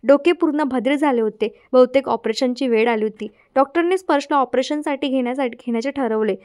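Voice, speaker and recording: A woman's voice: high voice, a little fast, darkish tone. A young woman narrating an audiobook, emotional storytelling with small slips and restarts. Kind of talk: scripted narration.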